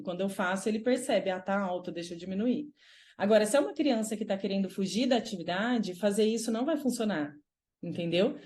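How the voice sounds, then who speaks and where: A woman's voice: mid-range voice, dark tone. A woman with a Brazilian accent, a child development specialist giving a live talk and answering audience questions, often checking in with "né?". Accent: Brazilian Portuguese. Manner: explanatory, with frequent "né?" tag questions.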